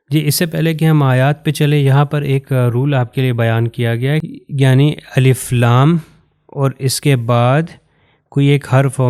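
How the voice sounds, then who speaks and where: A man from Pakistan, teaching Quran recitation patiently and step by step, pointing to written examples and slowing down to recite phrases carefully. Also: mid-range voice, darkish tone. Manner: slows down to recite Arabic phrases with care. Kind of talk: recorded lesson explaining to learners.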